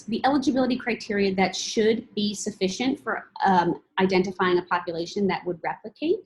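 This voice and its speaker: A woman presenting research as a PhD candidate, explaining it in a measured, formal and methodical way. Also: mid-range voice, low-quality recording.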